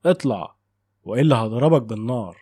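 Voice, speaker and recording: A man's voice: on the low side, normal speed, breathy edge, no room sound, studio quality, full character voice. A man doing a tense police captain. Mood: threatening. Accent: Egyptian Arabic. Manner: sharp, demanding.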